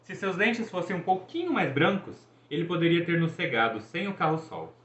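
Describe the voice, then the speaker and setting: A man reading a novel aloud in an expressive storytelling manner. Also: fairly high pitch, normal speed. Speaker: reader. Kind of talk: audiobook reading. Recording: echoey, dull room recording.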